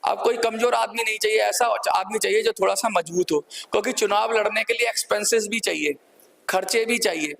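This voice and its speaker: Older man, fervent rallying speech, gravelly voice, high pitch, repeats his calls. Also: brisk, fairly bright tone. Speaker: pensioners' campaign organizer. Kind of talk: rousing appeal to viewers.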